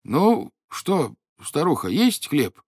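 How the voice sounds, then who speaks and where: A man's voice: on the high side, wildly swooping pitch, slow, darkish tone, breathy edge, dry recording, clean studio sound, voice pushed up, exaggerated voice. A man voicing a meek, weary old fisherman who pleads and complains. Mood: complaining.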